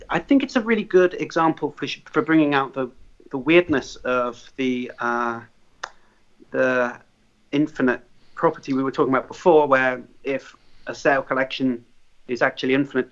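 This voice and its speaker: A man talking through his phone as a guest in a philosophical discussion, tentative and halting as he thinks aloud, his audio muffled by the phone mic. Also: medium pitch, a bit bright. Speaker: debate guest.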